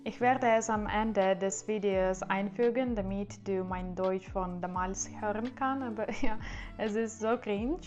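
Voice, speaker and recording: Faint music plays behind a young vlogger whose native languages are Russian and Ukrainian. She speaks with an accent at a measured pace, her medium-pitched voice darkish in tone, careful and slightly hesitant, using fillers in a casual style.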